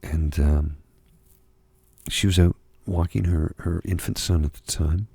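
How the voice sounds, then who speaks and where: With a deep, husky, gravelly voice and a steady tone, a middle-aged or older ASMR host confides in a soft-spoken, confessional monologue. He pauses and reflects as he goes, and there is no room sound.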